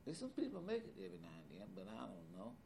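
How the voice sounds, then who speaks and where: A man in his seventies in a casual conversation as an interviewee, animated and repetitive, with loose colloquial speech. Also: fairly low pitch, very fast, gravelly, a little hiss or hum. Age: 70s. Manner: animated, repeats words, loose colloquial grammar.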